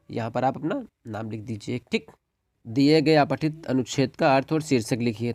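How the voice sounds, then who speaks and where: A man's voice: mid-range voice, a little mellow, no echo. Man walking through an exam paper. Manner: repeats "dosto" and "theek hai", reads answers as dictated lists. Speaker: exam tutor. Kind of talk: exam paper walkthrough lesson.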